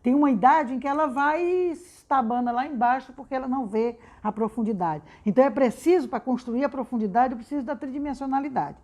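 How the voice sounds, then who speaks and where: A Brazilian woman gives an informal educational talk. She tacks a tag question onto nearly every phrase and often repeats a word before she goes on. Her voice sits a little higher than most women's. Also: brisk, few pauses, darkish tone. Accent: Brazilian Portuguese. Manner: frequent restarts and repeated words.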